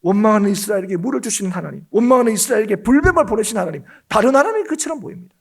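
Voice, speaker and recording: A man's voice: high-pitched, expressive, racing, gravelly. A male pastor preaching a Sunday sermon, emphatic and often calling out to the congregation. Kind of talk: Korean church sermon. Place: church sanctuary.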